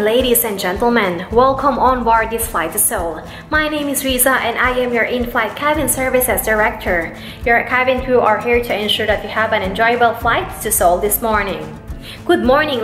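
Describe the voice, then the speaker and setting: A woman's voice: a little high, fairly bright tone. Woman, Filipino accent, flight attendant PA delivery, formal and polite, roomy echo, music behind. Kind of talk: flight attendant PA announcements, read aloud. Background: faint to clear music.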